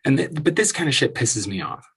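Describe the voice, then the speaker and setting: A man hosts his own show with a husky, slightly breathy voice at an ordinary pitch. He rants casually, swearing often, restarting his sentences as he gets worked up. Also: sing-song, fairly quick, a bit bright. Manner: profane, exasperated ranting with frequent restarts. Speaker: podcast host. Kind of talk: casual solo rant.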